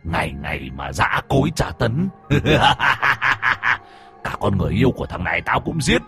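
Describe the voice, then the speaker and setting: A man's voice: very animated, quick pace, fairly bright tone, faint music behind, heavily acted. Vengeful shrieking ghost boy, a man putting it on. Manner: snarling, swings from hissing low to shrieking. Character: vengeful ghost of a murdered orphan boy monk.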